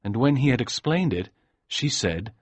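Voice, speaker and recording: A man narrating an audiobook in a calm, measured way. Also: mid-range voice, breathy edge, dry recording.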